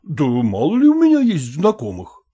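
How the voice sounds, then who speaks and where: A man's voice: on the high side, huge pitch swings, normal speed, dark tone, husky, lo-fi sound, pitched above the performer's own voice, exaggerated voice. A man voicing a condescending, evasive professor who soothes and patronizes a jealous woman, reading an audiobook. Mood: patronizing. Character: condescending middle-aged male professor, evasive.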